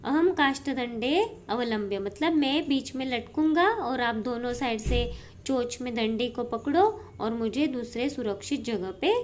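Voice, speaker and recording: Woman teacher, high voice, unhurried pace, reads a line then explains it simply. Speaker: Sanskrit teacher. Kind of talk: explaining a textbook lesson line by line.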